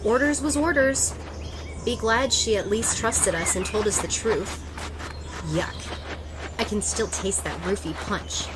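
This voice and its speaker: A woman's voice: medium pitch, a little slow, noisy background, close to an everyday voice. A woman acting a wry, pragmatic wasteland survivor in a comic audio drama.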